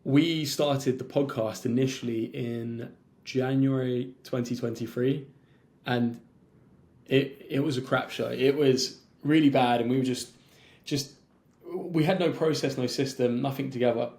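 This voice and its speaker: A young man from London, an entrepreneur guest on a podcast, telling his story in a fluent, conversational way and now and then clearing his throat. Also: mid-range voice, fairly even intonation, unhurried, a little mellow. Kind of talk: casual interview chat.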